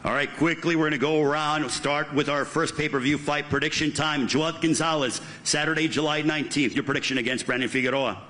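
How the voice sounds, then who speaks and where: A man's voice: fairly high pitch, steady tone, a little fast, few pauses, bright, forceful tone. A man hosting a boxing press conference like a fight promoter, with polished, punchy delivery and emphatic names and titles.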